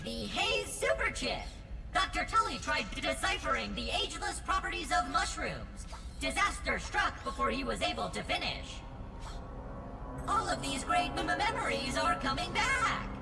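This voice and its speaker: A cheerful robot helper that chirps "processing" and error reports through a gravelly, filtered computer voice. The delivery swoops all over the place, pitched a little high. Loud game music plays behind it. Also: wildly swooping pitch, normal speed, full character voice. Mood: chirpy. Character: chipper helpful robot lab assistant, genderless machine. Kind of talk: video game character dialogue.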